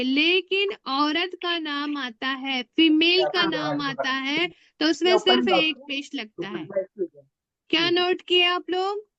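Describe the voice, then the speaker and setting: A woman's voice: high voice, fairly bright tone, no room sound, dull audio. A woman teaching Arabic grammar in an online class, patiently drilling words and asking her students questions. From India. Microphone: online class audio.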